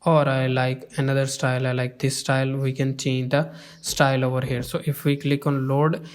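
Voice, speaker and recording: A man giving a step-by-step screen-recorded software tutorial, often pausing on "uh" and "you can say". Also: mid-range voice, little pitch movement, clean tone.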